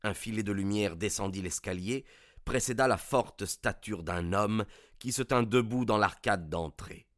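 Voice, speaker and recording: A man reads a classic detective tale in a measured, suspenseful way. His voice sits low and the recording is dry and close, with no room sound around it. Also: dry recording. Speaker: narrator. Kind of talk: scripted narration of a detective story.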